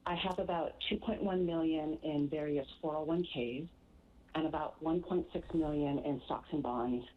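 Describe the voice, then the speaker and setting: Caller: woman, 40s, low voice, earnest and organized, tinny phone-line sound. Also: moderate pace. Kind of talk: call-in radio show.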